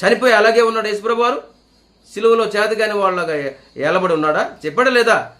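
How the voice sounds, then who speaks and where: A man preaching a sermon, earnestly questioning his listeners and slowing down to read scripture aloud. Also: high voice, bright, forceful tone.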